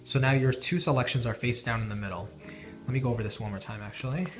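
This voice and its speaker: A man's voice: mid-range voice, fast. A man giving informal card magician patter, teaching tricks step by step as he demonstrates them, talking to the viewer like a spectator. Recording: roomy echo, guitar music behind. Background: plucked guitar music.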